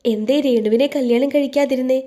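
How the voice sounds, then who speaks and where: A woman's voice: high voice, steady tone, fairly quick, natural voice. A woman voicing a shy, teasing young bride. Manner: thin, soft, teasing voice.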